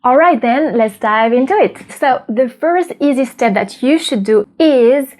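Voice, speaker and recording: Upbeat teacher woman, slightly high voice. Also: animated, a little mellow. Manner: upbeat, demonstrates sounds slowly and clearly. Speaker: French teacher. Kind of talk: pronunciation lesson to camera.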